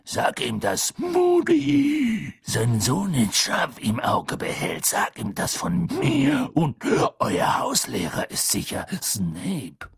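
A man voicing a gruff, scarred old male wizard teacher, growling slowly in a gravelly voice. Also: a little high, huge pitch swings, dry recording, clean studio sound, pitched above the performer's own voice, exaggerated voice. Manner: growling, slow and menacing.

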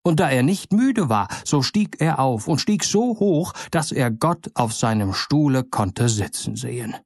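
Male storyteller, mid-pitched, dry close sound, fairy tale reading. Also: breathy edge, no room sound. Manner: measured, expressive storybook narration. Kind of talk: fairy tale read aloud.

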